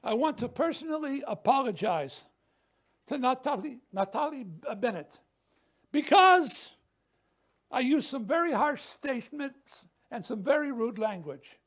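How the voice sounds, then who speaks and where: High-voiced man giving an impassioned testimony. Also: sing-song, unhurried. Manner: emphatic, dropping to a hush on painful memories and rising on defiant points; occasional stumbles and restarts. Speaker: ministry leader speaking at a news conference.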